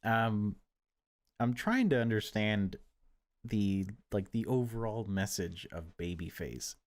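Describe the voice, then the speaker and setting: Over the game music of a horror visual novel, a male gaming host speaks slowly in a fairly low voice with lively intonation. He narrates the on-screen text dramatically before dropping into casual remarks.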